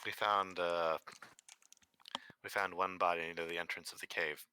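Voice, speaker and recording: A man role-playing as a player in a tabletop game, measured and serious. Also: low voice, flat delivery, pushed and bright, clean tone. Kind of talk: in-character tabletop role-play.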